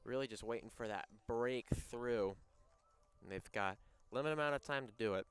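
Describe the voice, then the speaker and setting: A young man doing play-by-play for a high school baseball game, bantering with his partner between pitches. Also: moderate pace, fairly bright tone, clear, resonant tone, no echo. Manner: banters and teases his co-announcer. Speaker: play-by-play announcer.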